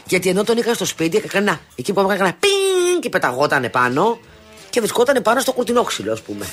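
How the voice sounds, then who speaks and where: A woman co-hosting a talk show, telling animated anecdotes in casual chat with many restarts and quoted asides. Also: fairly low pitch, soft background music.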